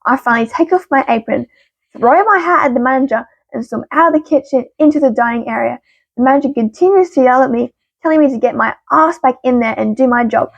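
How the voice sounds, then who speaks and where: A woman with a raised, gravelly fry reads stories aloud, expressive with quick punchy asides. Her voice is dry and close, with a slightly dull, muffled sound. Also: sits high, dry recording. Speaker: story reader. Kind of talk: narrated story reading.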